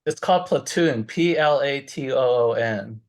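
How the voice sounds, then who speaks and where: Friendly male interviewer. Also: mid-range voice. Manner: friendly, asks quick follow-up questions. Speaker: interviewer, host of an English club. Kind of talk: casual interview.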